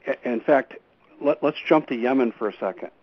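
A man's voice: mid-range voice, brisk. Man urgently warning, over lo-fi radio. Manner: earnest, urgent warnings with frequent restarts. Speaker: radio show guest. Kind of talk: call-in radio interview. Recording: dull lo-fi radio audio.

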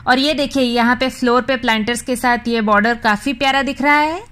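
Cheerful high-voiced woman on a balcony. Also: steady tone, a little fast, a bit bright, slight background noise. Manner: cheerful, chatty, mixing in English words. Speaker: home decor vlogger. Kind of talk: casual video tour narration. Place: small apartment balcony outdoors. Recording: slightly distant camera mic, faint outdoor ambience.

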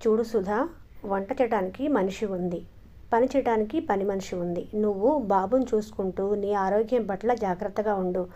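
A woman voicing an irritable young husband who speaks in a sharp, impatient, sarcastic way. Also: medium pitch, moderate pace, lightly acted. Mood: curt.

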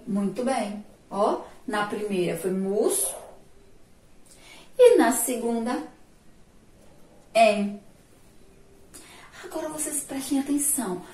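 A woman teacher with a Sergipe Brazilian accent, giving a remote lesson, stretching syllables slowly and praising her pupils' answers. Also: fairly high pitch, a little mellow. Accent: Sergipe Brazilian Portuguese. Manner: slow, drawn-out syllables, asks pupils questions and praises answers. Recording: echoey room, voice far from mic.

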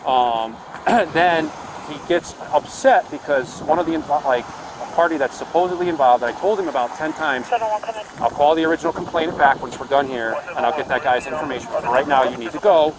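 A male police officer giving brisk short orders and recounting events casually, recorded on his body camera. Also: on the high side. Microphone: own body camera. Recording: noisy body-camera audio.

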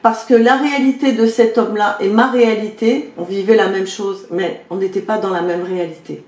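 A woman's voice: medium pitch, brisk, reverberant. A woman personal development coach giving chatty spoken advice, talking straight to her viewers and acting out little anecdotes. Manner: chatty, addresses viewers directly with frequent checks; acts out quoted exchanges in lively voices.

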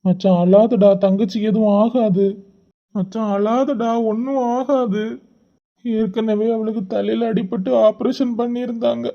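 A man plays a loyal young cartoon friend who comforts his mate in a Kanyakumari Tamil accent. His voice is steady, reassuring and fairly high, and the recording is dull and lo-fi. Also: measured pace, creaky.

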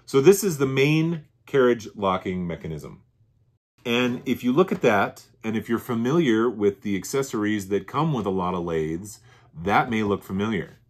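A man hosting his own workshop channel, walking through machined parts in a plain, methodical way and often restating his points. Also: fairly low pitch. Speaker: channel host. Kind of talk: workshop show-and-tell. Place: workshop bench.

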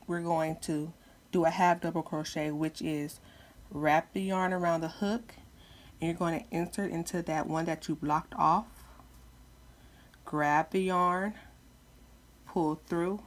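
A woman with a lowish voice hosts a craft tutorial, walking through the steps casually and informally. Her speech carries a slight lisp because she's wearing retainers.

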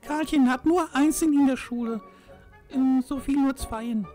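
A woman playing a cheerful, cheeky young boy in a children's puppet play, speaking simply and deliberately. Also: high-pitched, over music. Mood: doubting, tattling. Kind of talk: children's puppet theatre dialogue.

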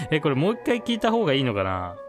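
A man's voice: on the high side, wildly swooping pitch, fairly quick. Chatty man doing game commentary. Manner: chatty, laughing asides. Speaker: let's play host. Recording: game music in background.

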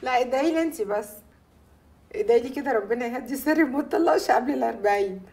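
An actress playing a jealous, hot-tempered young bride, speaking with an Egyptian accent in rapid, sharp bursts. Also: female voice, a little high, natural voice. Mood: teasing. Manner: rapid, sharp, swings from teasing to shouting. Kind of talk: film drama acting.

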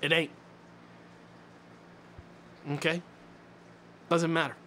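A man's voice: on the high side, level tone, extremely slow, sharp tone, slight background noise. A man in his twenties, a streamer chatting casually with his viewers in a mock-indignant, ranting way, swearing often. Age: 20s. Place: small dim room indoors.

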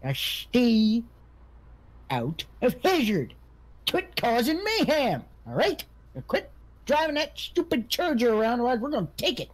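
A man playing a bumbling, indignant sheriff in game roleplay, with a husky, cracking voice. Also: very high voice, wildly swooping pitch, unhurried, full character voice. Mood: threatening, indignant. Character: excitable, bumbling, indignant Southern male sheriff. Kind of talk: improvised online game roleplay.

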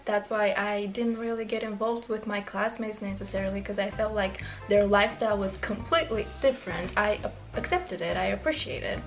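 Here a twentysomething woman vlogs from a small bedroom, talking casually and rambling through many fillers and false starts. She has a Romanian accent and a mid-range voice marked by vocal fry.

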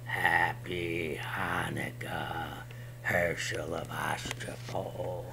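A man voicing a menacing goblin king from a storybook in a slow, hissing, low whisper. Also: level tone, gravelly, exaggerated voice. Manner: slow, threatening. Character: menacing male goblin king, ancient and cruel. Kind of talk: storybook read-aloud.

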